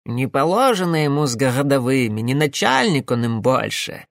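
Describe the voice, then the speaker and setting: A man's voice: medium pitch, measured pace, dry recording, studio quality, lightly acted. A man doing a sly drawling old tailor. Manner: drawling, mocking.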